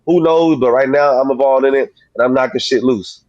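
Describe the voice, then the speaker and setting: A man's voice: medium pitch, brisk, darkish tone, no room sound, highs cut off. Male boxer, thirties, slangy interview chat. Slurred, slushy sibilants; very dry sound. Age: 30s. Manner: informal, slangy, frequently saying "man". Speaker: professional boxer, interview guest.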